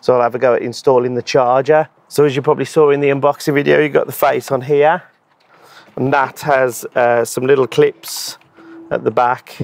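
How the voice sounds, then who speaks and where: This is a hands-on demo from a thirtysomething EV charger installer who runs a channel, speaking at normal speed and medium pitch through a lapel mic. Standing in a garden by a wooden shed, he explains things in a relaxed, hoarse voice, often saying um and so.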